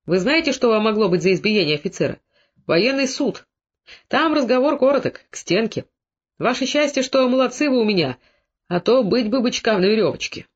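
A man voicing a shrewd older army colonel who speaks calmly and commandingly with a dry mocking edge. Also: high-pitched, brisk, highs cut off. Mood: scolding. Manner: calm, commanding, mildly mocking.

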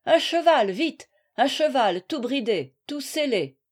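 A woman's voice: a little high, animated, a little slow, a little mellow. A woman voicing a bold, jovial male knight who teases his guest with mock gallantry, in an audiobook reading.

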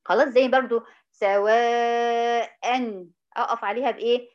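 A woman with an Egyptian Arabic accent teaching a Quran recitation lesson, asking her students questions and drawing out the example words slowly. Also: on the high side, animated, dull audio. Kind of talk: informal tajweed lesson.

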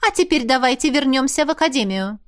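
A woman's voice: high-pitched, lively intonation, fast talker, voice pushed up. A woman voicing a fussy female teacher at a magic academy, strict and scolding, in an audiobook. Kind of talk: audiobook character voice.

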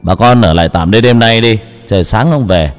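A man's voice: lowish voice, fairly quick, long reverb tail, close to an everyday voice. Male narrator playing a middle-aged father, firm and reassuring.

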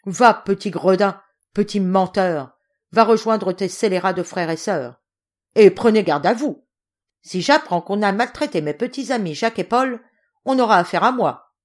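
A woman's voice: lively intonation, a little slow, darkish tone. A woman reading aloud, voicing an old, irascible but tender-hearted Russian general who turns thunderous when angry. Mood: furious. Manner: emphatic, booming when angry.

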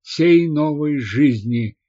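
A man narrating an audiobook in a measured, expressive scripted reading. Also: fairly high pitch. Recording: slightly dull lo-fi recording.

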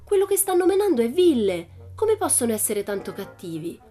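A woman's voice: a little high, sing-song, fairly quick, darkish tone, voice pushed up. A woman doing a shy, earnest little girl. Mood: worried. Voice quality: timid, earnest. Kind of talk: audiobook character voice.

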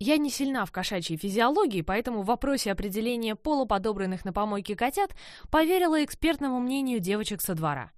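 A woman reads her own story aloud as a mother, in an expressive storytelling manner. Her fairly high voice rises and falls a lot. She is recorded close on a dry mic with no room sound. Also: quick pace, no echo. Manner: lively, storytelling with varied intonation. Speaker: narrator, mother. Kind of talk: expressive audiobook narration.

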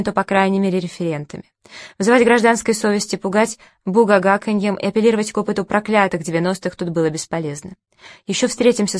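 A woman narrating an audiobook in an ironic, even storytelling manner. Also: mid-range voice, no room sound, clean studio sound.

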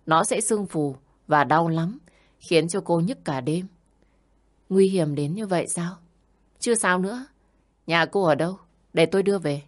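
A calm young man, a helpful stranger, speaks plainly and reassuringly, as a woman reading a story voices him. The voice sits low and close to the reader's own. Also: a little slow, pauses often, close to an everyday voice.

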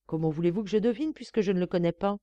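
A woman's voice: on the low side, racing, dark tone, no echo, dull audio, lightly acted. A woman voicing a coy, teasing young chambermaid who pleads lightly and feigns shock.

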